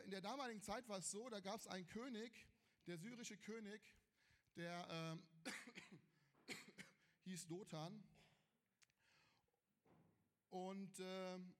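High-voiced man giving a lively youth sermon. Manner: lively storytelling with slangy exclamations. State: strained voice. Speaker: youth preacher.

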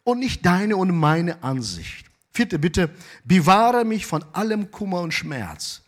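A pastor preaching a sermon, moving between loud, emphatic exclamations and quiet asides. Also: male voice, high voice, sing-song, takes it slowly.

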